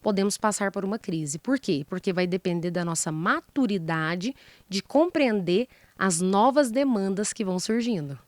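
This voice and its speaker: An animated woman with a mid-range voice speaks at normal speed, with no echo. She is a psychologist guest in an interview, teaching relationship advice through rhetorical questions and acted-out example exchanges.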